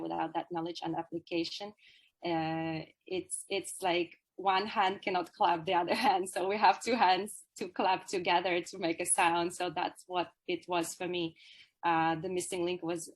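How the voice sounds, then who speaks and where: A woman speaks as an interview guest, explaining her work in an earnest, measured way. Her voice sits fairly low and stays flat in pitch. She often pauses on "uh" before going on. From Ukraine. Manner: earnest and measured, with frequent "uh" fillers. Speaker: guest, Ayurveda yoga therapist. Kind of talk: interview answers.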